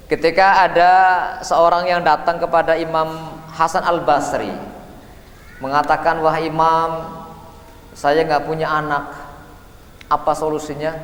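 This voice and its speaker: A middle-aged man giving a sermon, telling stories and acting out the dialogue. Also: fairly high pitch. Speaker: preacher. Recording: echoey hall with long reverb.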